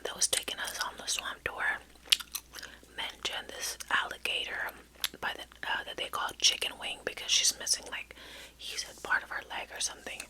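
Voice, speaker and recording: A woman's voice: normal speed, poor audio. Whispering middle-aged woman chewing gum. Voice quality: soft unvoiced whisper. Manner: chewing gum while talking; rambling, hesitant, trailing storytelling. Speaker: ASMR vlogger. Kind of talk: whispered ASMR ramble.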